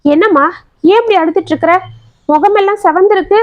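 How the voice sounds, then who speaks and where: A woman voicing a kind young husband in a story, speaking softly and affectionately to comfort his wife. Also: high voice, normal speed, dry recording, dull audio, natural voice. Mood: concerned. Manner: soothing, affectionate.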